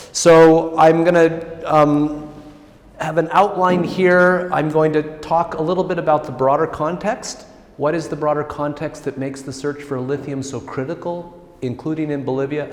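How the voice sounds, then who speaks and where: A man's voice: mid-range voice, darkish tone. An American man from California giving an informal academic lecture, friendly and self-deprecating, with frequent restarts. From California, United States. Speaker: guest lecturer. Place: large public hall. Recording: roomy hall reverb.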